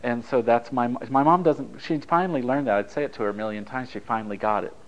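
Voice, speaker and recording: The workshop leader, an Italian man whose mother tongue is Japanese, speaks quickly in a mid-range voice over dull-sounding audio. In this taped relationship workshop he is conversational and anecdotal, trading jokes with participants.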